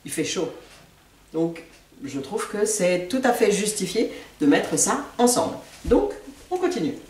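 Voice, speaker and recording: A woman giving a relaxed spoken language lesson, repeating each new word slowly and patiently. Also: mid-range voice. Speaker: language teacher. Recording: echoey room, mic at a distance.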